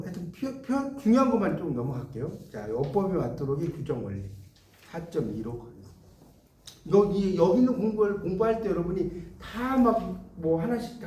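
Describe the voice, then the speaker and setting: A man's voice: a little high, mellow, a little hiss or hum. A middle-aged man giving a lecture on Korean spelling, explaining patiently and checking in with his students through questions. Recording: echoey room from a distance.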